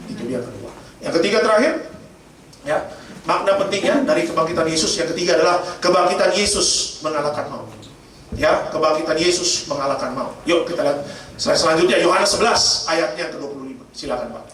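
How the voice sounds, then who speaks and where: Male pastor, high-pitched, jokey storyteller; distant mic in a booming hall. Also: a little fast, a bit bright. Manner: storytelling with humor, addresses congregation as Bapak Ibu. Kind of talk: sermon. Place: church. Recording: echoey church hall from far off, noisy.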